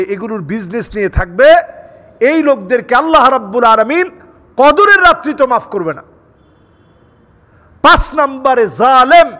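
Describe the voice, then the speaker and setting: A man preaching a sermon with fervor, swinging from loud declamation to soft pleading. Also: sits high. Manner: fervent, rising to shouts and dropping to soft pleading. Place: large hall with audience seated. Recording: long hall reverb.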